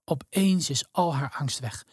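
A woman narrating a scripted children's story in an expressive read-aloud manner. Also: deep voice, a little slow, husky, no room sound, studio quality.

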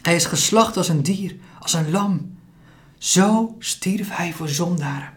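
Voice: mid-range voice, slow, voice pushed up, lightly acted. Een voorlezer als een fluisterende, vrome moeder. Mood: fervent. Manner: whispered, soft, urgent. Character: gentle, devout mother, whispering fervently.

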